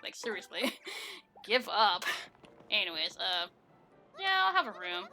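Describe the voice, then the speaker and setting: Giggly, bright-voiced woman gamer. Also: medium pitch, big pitch swings, unhurried, soft background music. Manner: giggly, chatty, lots of fillers. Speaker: let's play gamer. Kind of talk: casual gameplay commentary.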